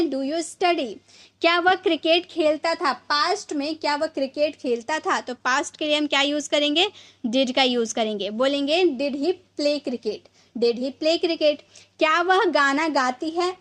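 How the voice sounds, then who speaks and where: A woman with a Hindi accent teaches an English grammar lesson in a high voice. She explains patiently and says each example sentence twice, slowly.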